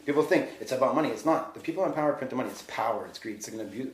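A man's voice: medium pitch, expressive, racing. A man hosting a podcast, ranting heatedly in casual conversation and swearing freely. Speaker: podcast host. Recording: roomy echo.

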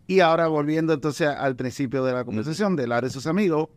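Raised between Puerto Rico and the Dominican Republic, this man talks about poetry gatherings in a casual conversation, his fairly high voice moving at a quick pace with a Caribbean Spanish accent. A poet and event organizer, he often repeats words while thinking. There's no room sound.

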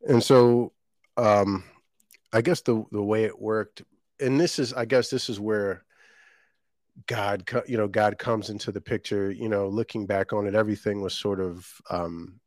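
A man from Jamaica tells his story in a very low, deep voice, loose and casual, full of ums and self-corrections. The sound is dry and close, with no room around it. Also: fairly even intonation, a little slow, a little mellow, no echo. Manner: rambling, many ums and restarts. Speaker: guest, shortbread business owner.

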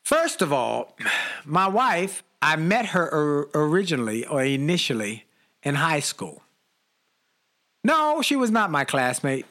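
An older man telling a story in casual chat, animated and laughing, acting out the voices in his quotes. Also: fairly high pitch, unhurried.

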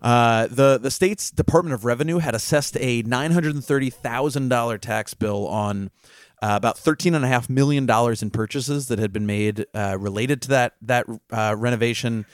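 A man hosting a podcast, explaining legal news in a casual, explanatory way with frequent filler pauses. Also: medium pitch, smooth, no echo, clean studio sound. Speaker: podcast host and legal reporter. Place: New York.

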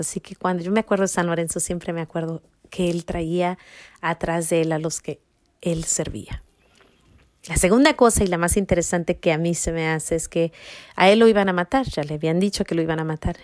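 A woman's voice: on the low side, dry recording, clean studio sound. A woman giving a casual religious reflection, telling a saint's story in an exclamatory, storytelling way. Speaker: devotional speaker.

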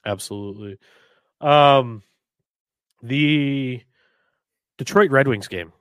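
A man's voice: medium pitch, slow pace, smooth, no room sound. Male sports podcast co-host from New Hampshire, casual and heated, swears a lot, dry close sound. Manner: animated, swears freely, gets heated.

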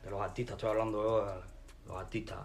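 A man's voice: on the low side, little pitch movement, fast, vocal fry, faint music behind. A man with a Cuban accent, a musician, delivering a combative, mocking rant to the camera in crude street slang. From Cuba.

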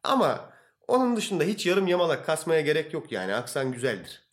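A man's voice: on the high side, sing-song, a little fast. A young man co-hosting a casual chat podcast, jokey and chatty, calling his friend "abi". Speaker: podcast co-host.

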